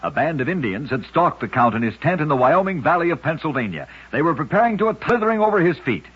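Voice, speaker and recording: This radio narrator of oddity stories is a man whose voice is a little high and slightly rough. Reading scripted short stories for the show, he moves quickly and sounds very animated, with a dramatic, emphatic delivery. The recording is dull and lo-fi, like old radio.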